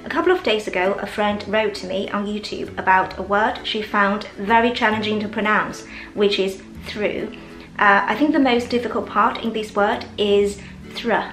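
A woman whose first language is Chinese teaches English pronunciation at a mid pitch. She explains step by step and slowly repeats practice words. Her voice sounds echoey, with faint music underneath. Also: fairly bright tone. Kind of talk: pronunciation lesson.

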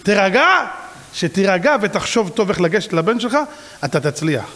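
A man, a rabbi, giving a lively sermon full of rhetorical questions and acted-out quotes. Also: high-pitched.

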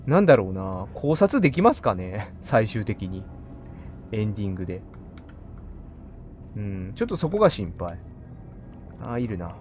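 A man commenting on a horror game as he plays, muttering quietly and breaking into loud startled outbursts. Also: on the low side, sing-song, moderate pace, long pauses, slight background noise. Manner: muttering to himself, then loud startled outbursts and apologies to monsters.

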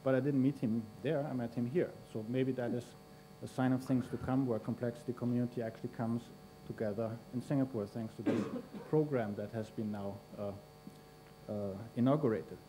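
A middle-aged man from Austria introducing a speaker at a podium in a university lecture hall, pausing often with fillers. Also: medium pitch, steady tone, dark tone, a little hiss or hum. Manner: hesitant, many fillers. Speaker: conference host introducing a speaker. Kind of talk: formal introduction. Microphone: podium mic.

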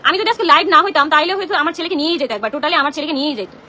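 A young woman speaking very fast in a high, piercing voice, her words tumbling out in an agitated, confrontational rant. Her tone is bright and tense throughout. It sounds like a live stream on a phone, with faint room ambience behind her. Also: expressive, a little hiss or hum. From Bangladesh. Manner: agitated, indignant, rapid-fire and confrontational. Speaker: social media content creator. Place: home.

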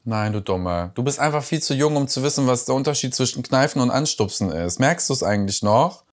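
Man, reaction host, casual sarcastic commentary, mid pitch. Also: expressive, fairly quick. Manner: sarcastic, mocking.

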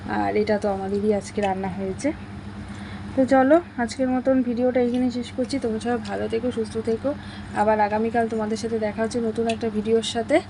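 A woman's voice: on the high side, fairly even intonation, a little fast, background noise. A young woman, casually narrating daily chores in a family vlog. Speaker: vlogger.

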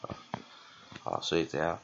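A man's voice: highs cut off, background noise. A man teaching an English spelling and phonics lesson in Taiwanese-accented Mandarin, often dragging out syllables and ending phrases with "ha". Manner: drawn-out repeated syllables, frequent "ha" tag.

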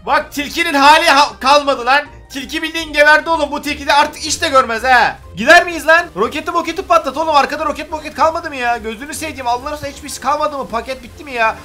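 A fast-talking man who fusses and exclaims through a Roblox role-play as a dad. His voice is fairly high and bright, with faint music in the background. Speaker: gaming channel host playing a dad.

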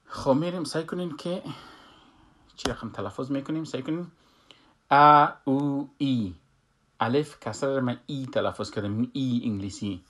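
A man teaching a Quran recitation lesson, explaining slowly and calling out drawn-out letter sounds. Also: medium pitch, a little mellow, husky. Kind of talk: tajweed lesson.

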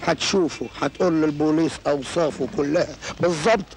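A man's voice: fairly high pitch, quick pace, natural voice. An actor playing a scheming, boastful con man, speaking with an Egyptian accent in an old film. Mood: plotting. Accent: Egyptian Arabic. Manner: boastful, cocky, teasing. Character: scheming smooth-talking male con man. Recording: echoey film soundtrack with hiss.

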